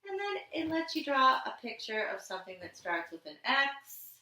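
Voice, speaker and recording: With a high, sharp voice full of big pitch swings, a primary school teacher speaks at a moderate pace, sing-songing simple repeated phrases and questions during a patient handwriting lesson for young kids. The room echoes, and she is far from the mic.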